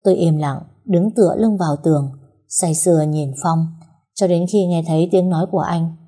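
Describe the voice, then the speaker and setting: A woman telling a first-person story in a soft, steady reading voice. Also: fairly low pitch, moderate pace, slightly rough.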